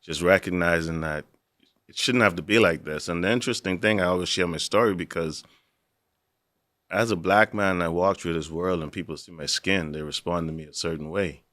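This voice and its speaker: Deep-voiced man from the Bahamas. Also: a little fast, fairly bright tone, dry recording, studio quality. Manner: reflective, earnest. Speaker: guest. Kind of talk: interview storytelling.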